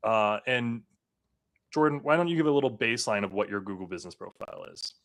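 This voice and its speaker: A man's voice: mid-range voice, animated, fast, fairly bright tone. A man hosting a casual marketing podcast, joking and emphatic as he talks. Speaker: podcast host.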